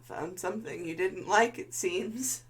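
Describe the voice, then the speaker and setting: A woman's voice: fairly low pitch, a little slow, very noisy, close to an everyday voice. Woman acting a smug, wounded male villain scientist. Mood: smug, pained.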